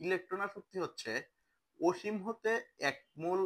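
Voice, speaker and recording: A man's voice: sits high, moderate pace, fairly bright tone. A young man teaching a chemistry lesson in a casual style, often asking a question and then answering it himself. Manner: conversational, asks questions and answers them himself. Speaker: chemistry tutor.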